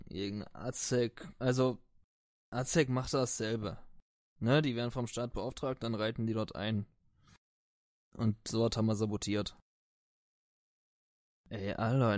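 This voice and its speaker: A man's voice: on the low side, dry recording, studio quality. A man doing a foul-mouthed soldier. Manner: vulgar, swearing, slangy and dismissive. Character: crude foul-mouthed male soldier under interrogation. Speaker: game master voicing a character. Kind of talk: tabletop role-play in character.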